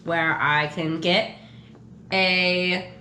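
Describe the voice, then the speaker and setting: A woman co-hosting a casual question game, chatty and thinking aloud with frequent pauses. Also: fairly low pitch, fairly even intonation, pushed and bright. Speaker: channel co-host answering questions. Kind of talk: casual chat. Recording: echoey room with faint noise.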